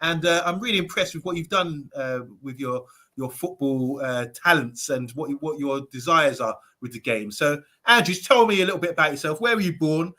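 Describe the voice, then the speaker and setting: A man hosts a football channel and welcomes his guest, his voice sitting a little high and sounding bright and forceful. He works through the introduction haltingly, padding it with many fillers. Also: lively intonation. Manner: hesitant, filler-heavy. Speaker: host. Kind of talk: interview host introduction.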